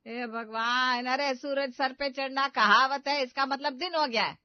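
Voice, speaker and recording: A woman voicing an exasperated middle-aged mother-in-law who scolds loudly in a cartoon story. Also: mid-range voice, normal speed, dry recording, dull audio, lightly acted. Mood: scolding.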